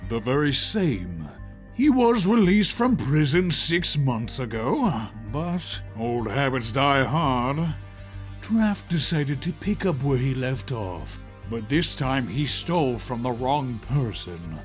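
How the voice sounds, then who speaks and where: In an audio drama, a male actor plays a serious, measured police chief briefing officers in a grave, deliberate manner. His mid-range voice has a sing-song quality, and soft music plays in the background.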